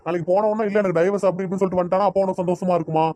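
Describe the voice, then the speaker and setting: A man's voice: sits high, fairly even intonation, very fast, warm tone, no echo, natural voice. A man with a Tirunelveli Tamil accent voicing a stubborn middle-aged father in a cartoon, scolding his wife in an argument. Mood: heated. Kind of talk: cartoon voice acting.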